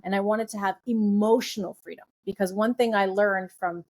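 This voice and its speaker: A woman's voice: medium pitch, steady tone, normal speed. Earnest woman telling a personal story. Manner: earnest, emphatic, piling up phrases in lists. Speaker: guest nutritionist. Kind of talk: storytelling in a podcast interview.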